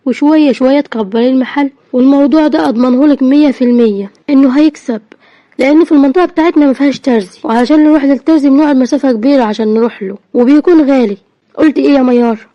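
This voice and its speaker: A woman with an Egyptian Arabic accent voicing a caring, practical neighbor who talks briskly and reassuringly. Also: high-pitched, no room sound, highs cut off, natural voice. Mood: encouraging.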